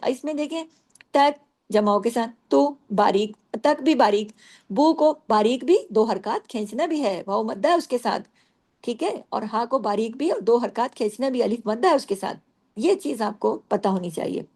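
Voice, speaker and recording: A woman teaching Quran recitation rules, breaking words into syllables, repeating them slowly, and asking and answering her own questions. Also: fairly high pitch, animated, a little mellow, slightly rough. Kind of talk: tajweed lesson explaining pronunciation.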